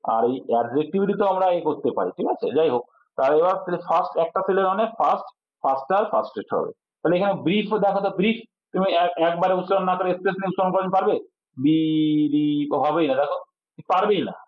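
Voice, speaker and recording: A man's voice: high voice, lively intonation, very fast. A man teaching an exam-prep English grammar lesson. He explains step by step and asks his students questions, then answers them himself. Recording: tinny phone-like audio.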